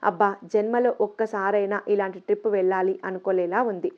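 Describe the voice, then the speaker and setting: A woman narrating a first-person story in a soft, steady reading voice. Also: medium pitch, a little fast. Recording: slightly dull lo-fi audio.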